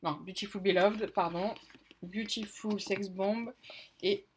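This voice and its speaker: A woman's voice: mid-range voice, slow pace, slight background noise. A woman casually presenting her reading list, hesitant, with many fillers and self-corrections. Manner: apologetic about pronunciation. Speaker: book vlogger. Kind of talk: casual book haul chat.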